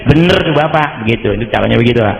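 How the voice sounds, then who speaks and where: A man with a Betawi accent preaching at a mosque study gathering, telling stories in casual speech and getting excited as he goes. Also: rapid-fire, creaky. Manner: storytelling in colloquial Jakarta speech, rising pitch in excited moments. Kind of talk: informal religious study talk. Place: mosque hall. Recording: roomy mosque hall, muffled sound.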